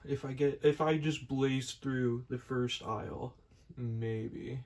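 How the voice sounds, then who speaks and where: A man doing casual gameplay commentary, laid-back and hesitant, swearing when he gets excited. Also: mid-range voice, slow pace. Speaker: gaming streamer.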